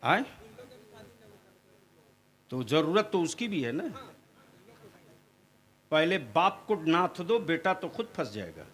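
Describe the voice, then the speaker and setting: A man preaching a fiery sermon at an outdoor gathering, questioning the crowd and rising into shouts. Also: on the high side, very animated, slow, pauses often. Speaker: Islamic preacher.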